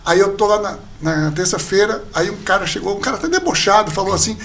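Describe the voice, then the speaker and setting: Homem de voz aguda contando história. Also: male voice, high voice, fast talker, a little hiss or hum. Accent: Brazilian Portuguese. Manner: animated storyteller, acts out quoted dialogue. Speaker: pastor, podcast guest. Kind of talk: casual storytelling conversation.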